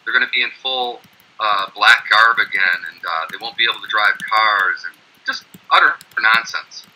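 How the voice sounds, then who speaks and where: A man's voice: fairly low pitch, expressive, normal speed, pushed and bright, poor audio. A man speaking emphatically in an online panel discussion, brushing off opposing claims.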